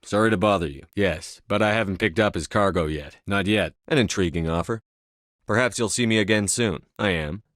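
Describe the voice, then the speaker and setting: A man playing a composed, tough, businesslike space navy commander in a video game, with measured, clipped delivery. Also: fairly low pitch, a bit bright, dry recording, clean studio sound, lightly acted. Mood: cool, businesslike. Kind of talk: scripted video game dialogue.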